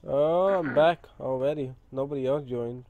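A man's voice: medium pitch, moderate pace, no room sound, narrow, tinny audio. A man in a game's voice chat, chatting casually and teasing crudely. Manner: crude teasing, often laughing.

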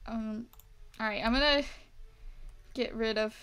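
A woman's voice: on the high side, unhurried, a bit bright, smooth. A young woman casually talking to herself while playing a farming game, chatty and giggly. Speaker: gaming streamer. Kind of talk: casual gameplay commentary.

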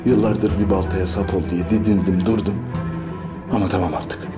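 A man's voice: deep voice, fairly even intonation, moderate pace, natural voice. A man in his fifties playing an exasperated, hot-tempered father who scolds with repeated rhetorical questions in a TV drama. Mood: bitter scolding. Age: 50s. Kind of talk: television drama acting. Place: furnished living room indoors. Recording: dramatic music under the voice. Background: music.

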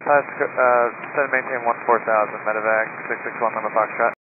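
A man speaking as a medevac pilot over the radio, measured and deliberate as he reports to the controller. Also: mid-range voice, fairly even intonation. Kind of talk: cockpit radio call. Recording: tinny noisy radio transmission.

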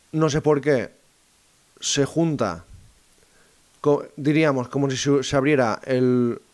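A man talks in a casual monologue, speaking straight to his listeners and often pausing and restarting his phrases as he thinks aloud. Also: on the high side. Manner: addresses listeners directly. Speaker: host of a segment on psychophony.

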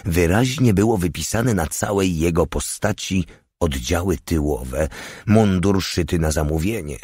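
A man reading an audiobook in a measured, unhurried narrating style. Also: sits low, animated, a little mellow, breathy edge, no echo, clean studio sound. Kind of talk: scripted narration.

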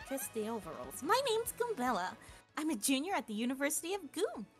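A woman's voice: high-pitched, wildly swooping pitch, fairly quick, faint music behind. A woman voicing a perky, sassy young mushroom-creature student from a video game, gushing and slangy. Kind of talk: video game character read-aloud.

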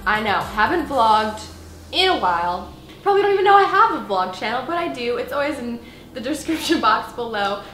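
A woman's voice: a little high, sing-song, brisk, fairly bright tone, slight background noise. A young woman talking casually to camera as a lifestyle vlogger, bubbly and chatty with lots of filler words. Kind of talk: casual vlog talk to camera.

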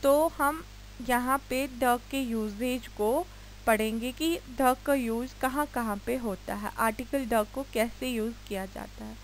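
A woman with an Indian accent teaching English grammar in a video lecture. She explains each rule slowly and spells words out letter by letter. She stops often to ask her students quick checking questions. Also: on the high side, a little hiss or hum, low-quality recording.

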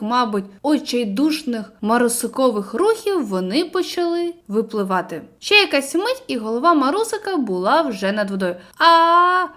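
A woman reads a children's storybook aloud in a high voice. Her delivery is expressive and lilting, with lively swings of pitch. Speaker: reader.

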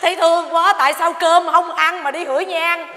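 A woman's voice: very high-pitched, fairly even intonation. An actress playing a cheeky adult daughter who teases her father, speaking in a live stage comedy. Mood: teasing. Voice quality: quick teasing banter. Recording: hall reverb with loud audience and noise.

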